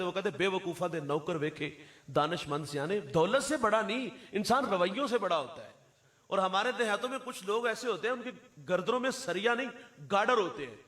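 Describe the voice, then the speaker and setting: A male Islamic preacher giving a storytelling sermon, with dramatic pauses and verses recited in a slow lilt. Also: high voice, a bit bright.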